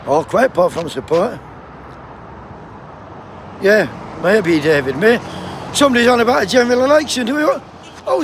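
A Sheffield man with a Yorkshire accent and a high-pitched, gravelly voice pickets for his postal union by a busy road. Cold, he chats and jokes with passers-by for a casual vlog, swearing freely. Passing traffic makes the outdoor recording noisy.

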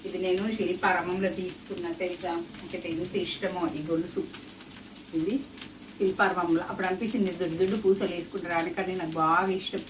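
In a lowish, flat, fast voice, a woman with a Telangana Telugu accent chats casually while cooking, rambling and saying things more than once; she's a home cooking vlogger in her indoor kitchen. The roomy recording, made from a distant mic, has background noise and clear kitchen sizzle, plus sizzling oil and clattering pots and pans.

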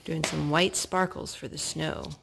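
Her voice is deep and a little slow, with fairly even intonation and some vocal fry, yet she still coaxes small children along in an encouraging sing-song while narrating a craft. The parent's home video was shot on a handheld phone in a wood-floored living room, and background noise is audible.

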